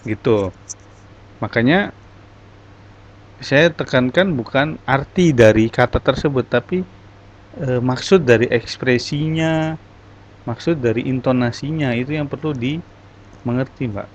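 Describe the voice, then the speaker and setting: A man teaching a class, encouraging his students and explaining step by step. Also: medium pitch. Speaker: English teacher. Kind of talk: online class talk. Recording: dull lo-fi recording, faint noise.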